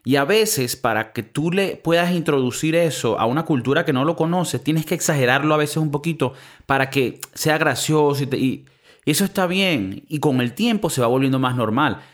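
A man's voice: a little high, normal speed. A man with a Venezuelan Spanish accent, co-hosting a podcast in casual, slangy chat full of swearing. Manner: animated, slangy, swears freely. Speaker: podcast co-host.

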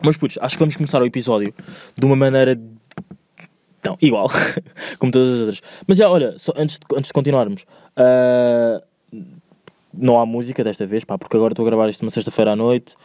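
A young man with a European Portuguese accent hosts a solo podcast from home. He talks at a rapid clip in loose, slang-filled rambles that build into heated rants. The recording is dry, with no room sound. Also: mid-range voice, dark tone, no room sound. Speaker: podcast host. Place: indoors, recorded alone at home.

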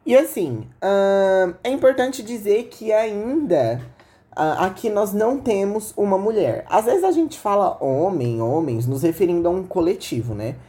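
A woman with a Brazilian accent hosts a podcast, telling stories in a casual, chatty, informal way and addressing listeners directly. Her voice is medium-pitched, warm, animated, and measured in pace, though altered by an inflamed, sore throat.

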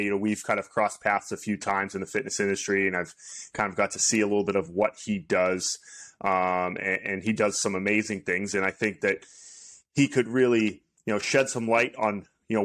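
Lower-voiced male podcast host. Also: fairly bright tone. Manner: friendly, loose, many fillers. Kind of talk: casual interview hosting.

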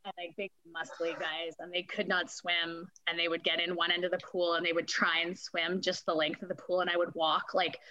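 A woman's voice: lowish voice, little pitch movement, moderate pace, few pauses, pushed and bright, no echo, muffled recording. A woman in her forties from Canada, a guest telling stories in a casual interview, chatty and laughing often. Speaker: guest, fitness testing company and former corrections supervisor.

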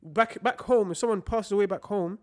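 A man's voice: high voice, a little fast, darkish tone. A young man with a London roadman street accent, chatting casually and emphatically in slang as a podcast co-host, repeating phrases for stress. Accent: London, multicultural street slang.

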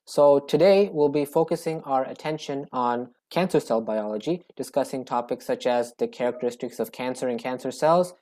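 Mellow-voiced student podcast host. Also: mid-range voice, normal speed, hardly any pauses. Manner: reads prepared introductions and questions. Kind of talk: podcast interviewing.

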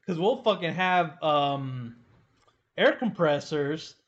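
A man with a slightly high voice rambles through a story in loose, casual chat. He swears a lot. His audio sounds dull and muffled, like a cheap stream mic. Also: lively intonation, slow. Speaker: co-host.

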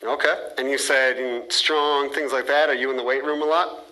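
An upbeat man hosting a casual sports podcast interview. His voice is very bright and forward, at an ordinary middle pitch. He keeps the talk easygoing and encouraging. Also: steady tone, moderate pace, poor audio. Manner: upbeat, repeats "awesome" and "perfect". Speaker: podcast host.

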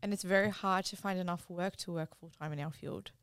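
A woman's voice: fairly low pitch, fairly even intonation, brisk, clear, resonant tone, no echo, clean studio sound. A woman with an Australian accent, co-hosting a casual chat in an informal, emphatic and agreeable way. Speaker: podcast host, registered nurse injector.

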